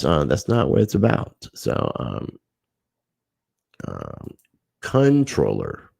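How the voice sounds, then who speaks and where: Deep gravelly man hosting a livestream. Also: darkish tone, no room sound, clean studio sound. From United States. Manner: aggrieved, thanks viewers by name. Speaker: livestream host. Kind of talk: casual livestream chat reading comments.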